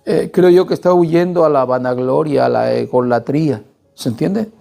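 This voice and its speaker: A male preacher delivering a sermon with a gravelly, low-toned warmth in his voice. He pushes his points hard and keeps checking in with the listeners through quick questions. Faint music plays softly behind him. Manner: emphatic, asks the congregation rhetorical questions.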